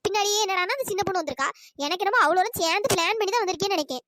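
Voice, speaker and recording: In this cartoon storytelling voice acting, a pitch-shifted woman wails in a squeaky, rapid voice as a village woman who overpaid her hotel bill. She laments and scolds, sharp-tongued and complaining, over slight background noise.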